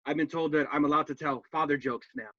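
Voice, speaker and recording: Samwise, a man doing a gravelly cheerful hobbit. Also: a little high, steady tone, quick pace, no room sound, natural voice. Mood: chatty. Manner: earnest, folksy, talking to a friend on a video call. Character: cheerful homely male hobbit gardener, earnest and chatty. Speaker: comedian. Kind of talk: cosplay stand-up character bit. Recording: dull lo-fi dry sound.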